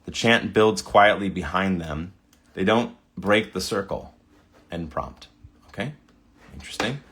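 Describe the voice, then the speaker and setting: A man with a fairly low voice reads scene prompts aloud in an easygoing commentary. He trips over a word now and then and breaks off to react with amused delight. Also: expressive, measured pace, a bit bright. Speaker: video creator. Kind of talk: casual screen-recording commentary.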